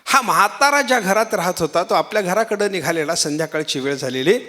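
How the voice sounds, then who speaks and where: A man's voice: high voice, animated, fairly quick, sharp tone. A man preaching a devotional sermon in a storytelling manner, repeating phrases and asking rhetorical questions. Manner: repeats phrases, acts out quotes, asks the audience rhetorical questions. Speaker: religious preacher.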